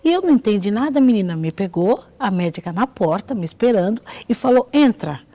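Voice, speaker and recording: A woman's voice: medium pitch, lively intonation, quick pace, dark tone. A woman with a Brazilian Portuguese accent giving a personal testimony in a TV interview, telling her story and acting out the voices of others in it.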